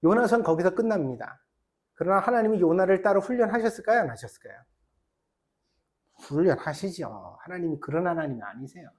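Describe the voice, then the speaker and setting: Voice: medium pitch, animated, fairly quick. A pastor preaching a sermon with passionate exhortation, rhetorical questions and wry self-deprecating asides in a church.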